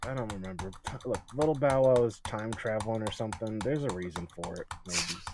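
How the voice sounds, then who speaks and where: A man's voice: on the low side, a little fast. A man guesting on a comedic podcast, bantering and joking with casual swearing.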